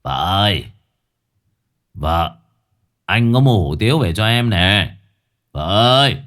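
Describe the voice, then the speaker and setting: A rough male thug, voiced by a storyteller, calls out loudly around the house. His voice is low-set and eager in a spoken ghost tale. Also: expressive, takes it slowly. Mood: calling home. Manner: calling out loudly. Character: gruff thug, meek before his wife.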